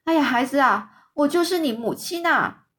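A pleading, tearful old beggar mother from a children's storybook, as a woman reader puts her on. Her voice sits high and lifts a little louder than the telling around it. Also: lively intonation, moderate pace.

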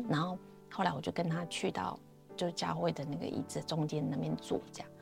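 A woman with a Taiwanese Mandarin accent tells her faith story in a relaxed, chatty way, her sentences trailing off into soft fillers. Her voice sits low with a gravelly rasp. Faint music plays underneath. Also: brisk. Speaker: guest sharing her testimony. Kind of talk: personal faith testimony, storytelling.

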